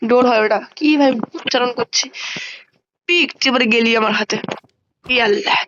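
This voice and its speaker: Woman, high voice, casual gameplay commentary, chatty, counts out loud, dull lo-fi mic. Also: a little hiss or hum. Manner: chatty, thinks aloud and counts blocks out loud; quick exclamations and mild swearing when surprised. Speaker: gaming channel host.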